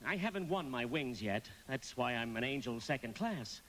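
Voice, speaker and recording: Man acting naive male apprentice angel, lively intonation, eager, fussy, courteous, hesitant, radio play, faint background noise. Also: medium pitch, normal speed, natural voice, low-quality recording. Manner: earnest, polite, hesitant.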